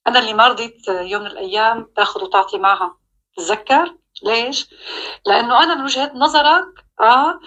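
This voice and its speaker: A woman's voice: fairly high pitch, sharp tone. Reproachful Syrian woman, lo-fi clip. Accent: Syrian Arabic. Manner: pointed, reproachful. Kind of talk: recorded message played back. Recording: dull lo-fi played clip.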